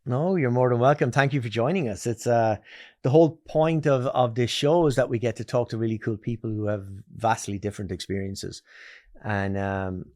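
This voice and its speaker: A man's voice: medium pitch, moderate pace, darkish tone, no echo, clean studio sound. A man from Ireland hosting a conversational interview, rambling a little and restarting his phrases as he thinks aloud. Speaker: podcast host.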